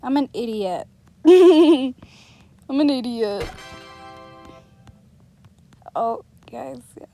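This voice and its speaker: A woman's voice: high voice, animated, very slow, creaky, pauses often, mellow, soft background music. A woman chatting casually to her viewers while playing an online game, giggling often and poking fun at herself. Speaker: gaming channel host. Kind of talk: casual gameplay commentary.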